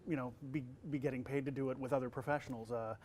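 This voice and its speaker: A voice actor and college instructor answers interview questions in a relaxed way, his young-sounding voice full of fillers and restarts. He talks fast in a mid-range voice, with slight background noise.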